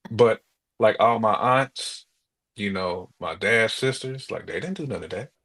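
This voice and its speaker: On a podcast, an American man co-hosts a casual conversation, recounting things in an animated, colloquial style full of imagined quotes. His voice is lowish and his pace measured.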